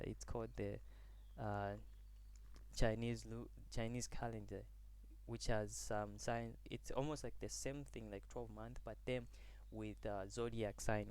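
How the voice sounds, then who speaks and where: A young man from Zambia gives a class presentation, halting and restarting as he searches for words. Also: on the low side, a little mellow. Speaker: student presenter.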